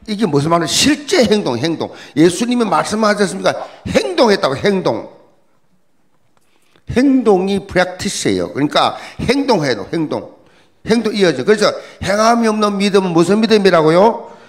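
A middle-aged man delivers a dawn prayer sermon as pastor. His voice sits a little high and swings widely up and down. He hammers single words again and again and throws questions at the listeners. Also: very animated, normal speed. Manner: emphatic, repeats key words, asks the congregation questions. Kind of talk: early-morning prayer sermon.

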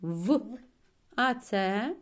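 Woman teacher, slow and mid-pitched, coaxing one-on-one reading tutor. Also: animated. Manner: patient, coaxing, frequent praise, drawn-out sounds. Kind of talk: one-on-one reading lesson with a child.

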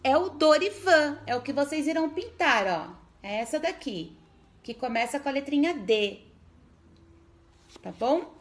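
A Brazilian Portuguese woman with a high voice teaches first graders their letters. She speaks slowly and patiently, sounding out each syllable and often checking that the children are following. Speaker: primary school teacher. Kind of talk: remote literacy lesson for first graders.

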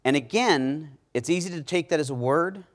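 Middle-aged man, keynote speaker, emphatic, lapel mic, big conference stage. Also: normal speed. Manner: emphatic, with wide swings in pitch and loudness, dropping low at key words.

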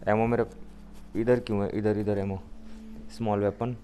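A man's voice: lowish voice, normal speed, a little hiss or hum. Jokey man playing a zombie VR game. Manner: jokey, excitable, apologizes to zombies and taunts them. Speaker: gamer. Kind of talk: casual VR gameplay commentary.

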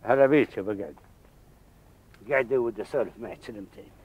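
An actor in his sixties playing a kindly old father in a television drama, with a Bedouin Arabic accent and a paternal, measured manner. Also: medium pitch, slightly rough, lo-fi sound, natural voice. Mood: gentle, solemn. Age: 60s.

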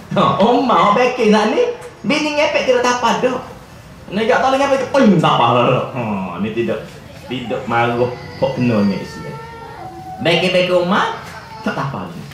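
Kelantan ustaz telling stories in a lecture, voice swings up and down a lot, huge echo. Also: male voice, sits high, normal speed, slight background noise. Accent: Kelantan Malay. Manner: animated, jokey storyteller. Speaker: religious lecturer. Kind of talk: religious lecture with storytelling. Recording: echoey hall, distant mic, faint ambience.

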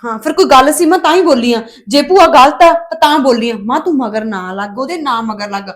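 In a high, lightly acted voice, an actress plays a defiant young unmarried daughter in a Punjabi family drama. She argues sharply and quickly with her mother.

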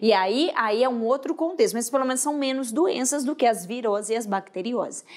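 A woman's voice: a little high, expressive, brisk, a little mellow. A woman teaching a biology exam-prep class, chanting mnemonics and coaxing the class to repeat after her. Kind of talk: energetic exam-prep lesson.

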